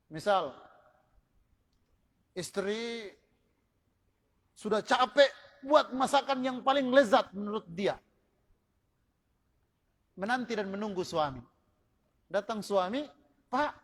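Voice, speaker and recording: A man with a Manado Indonesian accent preaching a sermon, telling stories and acting out their dialogue in lively fashion. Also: very high-pitched, slow, long pauses, big-room sound. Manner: storytelling with acted-out dialogue, animated. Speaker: Islamic preacher.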